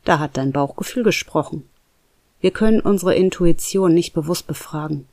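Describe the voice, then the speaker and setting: A storyteller voicing a calm, patient male roommate who gently guides a friend, in a dry, close recording. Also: mid-range voice, moderate pace, no room sound, natural voice.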